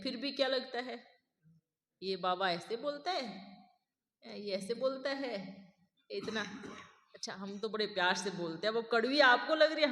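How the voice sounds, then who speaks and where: A woman delivers a sermon with a bright, forceful tone, firing rhetorical questions at the gathering. Her voice rings out with a long hall reverb. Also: on the high side. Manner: asks the listeners rhetorical questions; acts out others' boastful voices. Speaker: spiritual speaker.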